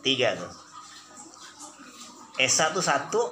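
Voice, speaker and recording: Bright-voiced man teaching religion. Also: mid-range voice, big pitch swings, takes it slowly, roomy sound, slight background noise. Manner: folksy and teasing, acts out mock debates with rhetorical questions. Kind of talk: casual religious study lesson.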